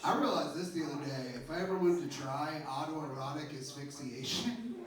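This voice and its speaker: A man's voice: on the high side, expressive, moderate pace. A man headlining a stand-up set, laid-back and crude, saying "dude" and "hell yeah" a lot. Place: comedy club stage. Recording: echoey club, distant mic, loud noise. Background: audience laughter.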